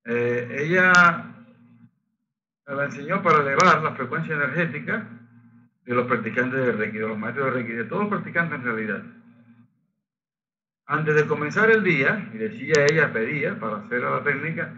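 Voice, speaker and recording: Bright-voiced man teaching a Reiki session. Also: medium pitch, expressive, muffled recording, a little hiss or hum. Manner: leads group chanting of Japanese phrases, slow and sung. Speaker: Reiki facilitator. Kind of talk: spiritual workshop teaching.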